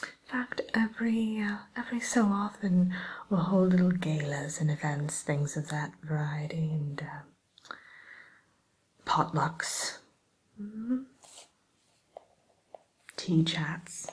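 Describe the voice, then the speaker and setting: A woman voicing a sly, sweetly courteous wicked witch tutor in a hushed, musing ASMR roleplay. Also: low-pitched, low-quality recording. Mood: chatty, genteel. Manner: hushed, unhurried, hesitant musing, faux-genteel.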